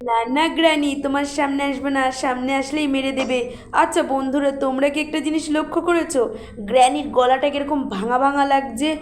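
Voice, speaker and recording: Excitable high-voiced woman gamer. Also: echoey room. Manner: excitable, quick exclamations and talking to viewers. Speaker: gaming channel host. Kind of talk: casual gameplay commentary.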